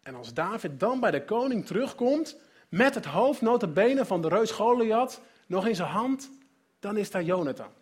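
Male preacher, high voice, dramatic sermon storytelling with sudden loud and soft turns. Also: very animated, moderate pace, husky.

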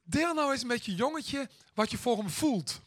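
A man's voice: very high voice, expressive, normal speed, voice pushed up, exaggerated voice. A man playing a coaxing nanny. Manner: gently urging, coaxing. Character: calm, coaxing female nanny giving advice.

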